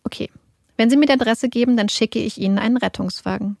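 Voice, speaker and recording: A woman voicing a calm, firm emergency dispatcher who keeps pressing the same questions. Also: a little high, quick pace, gravelly, no room sound, clean studio sound. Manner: insistent, repeating questions.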